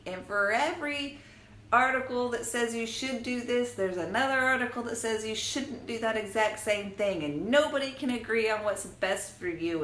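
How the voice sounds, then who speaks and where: A woman chatting casually to her viewers in an animated, playful, self-mocking way, with exaggerated exasperation. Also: on the high side. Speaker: vlogger giving a food and shopping talk. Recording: roomy echo, faint background noise.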